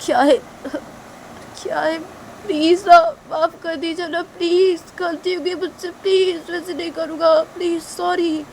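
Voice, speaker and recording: A woman's voice: very high voice, fairly even intonation, measured pace, a little hiss or hum, voice pushed up. A woman voicing a panicked guilty man who keeps begging for forgiveness in a whiny, repetitive way. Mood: pleading. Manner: whiny, begging, repeats sorry and please.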